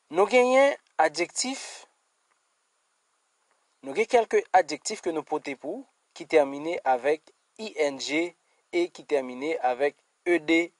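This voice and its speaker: A man with a Haitian accent teaching an English lesson, slowly repeating words and checking in with "d'accord?" and "hein". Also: on the high side, no echo. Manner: slow, repeated word-by-word pronunciation drills.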